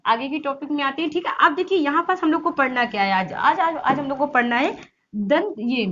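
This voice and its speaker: A woman's voice: high-pitched, a bit bright. A woman teaching an online exam-prep Hindi class, asking her students questions and repeating points as she explains. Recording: slightly dull lo-fi audio with faint hiss.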